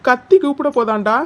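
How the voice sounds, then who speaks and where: Cocky cartoon thug guy , voiced by a woman, higher-pitched, taunting, cackling. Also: a bit bright, heavily acted. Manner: taunting, with frequent cackling laughs. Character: cocky young male street thug.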